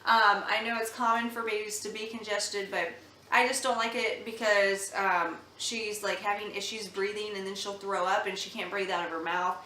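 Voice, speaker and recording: A young mother chats earnestly at home about baby products in a casual review, with many ums and restarts. Her mid-range voice is bright and forceful, steady in tone, at normal speed. The recording picks up a little hiss or hum, an echoey room, and she sits slightly far from the mic.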